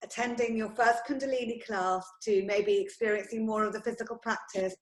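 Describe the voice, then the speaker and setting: Soft-spoken woman interviewer in an echoey room. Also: a little high, fairly even intonation, fairly quick. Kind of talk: casual interview questions.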